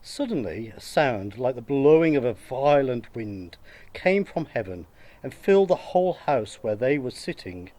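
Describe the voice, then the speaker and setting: A man narrating a Bible passage in church, reading in a measured, steady way. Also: mid-range voice. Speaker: Scripture reader.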